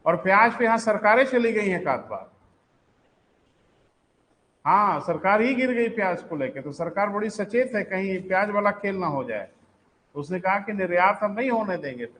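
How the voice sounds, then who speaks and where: A man teaching economics to a live class, quizzing and scolding students and dictating notes slowly. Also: high voice, fairly bright tone, rough recording.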